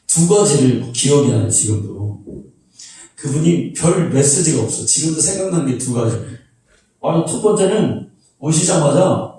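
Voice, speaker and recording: Animated Korean pastor in an echoey hall. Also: male voice, a little high, far from the mic. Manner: animated storytelling, acts out shouted quotes. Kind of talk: sermon. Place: church sanctuary.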